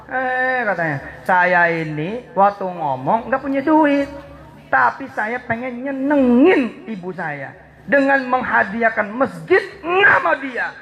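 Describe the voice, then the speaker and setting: A man's voice: very high voice, expressive, slow, pushed and bright, low-quality recording. A man preaching a sermon, teasing the crowd playfully and acting out little dialogues. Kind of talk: Islamic sermon.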